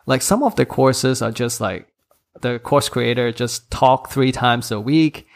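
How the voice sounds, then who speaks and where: A man in his thirties with a Hong Kong accent, for whom English is a third language, chats candidly as a course-creator guest on a podcast, laughing often and poking fun at himself. His mid-range voice is gravelly and a touch slow.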